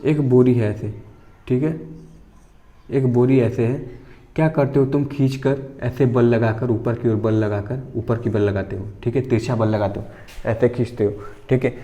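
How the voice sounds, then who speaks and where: A man teaches an exam-prep physics lesson in a conversational way, leaning on everyday examples. His voice is mellow and dark, at an ordinary pitch for a man. He keeps pausing to check that his students are following. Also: steady tone. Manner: conversational, repeatedly checking understanding with the class; explains through everyday examples.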